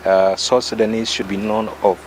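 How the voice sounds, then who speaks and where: A man's voice: fairly low pitch, level tone, normal speed, slight background noise, low-quality recording. A man hosting a radio interview, asking long, winding questions with emphatic stresses. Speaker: radio host.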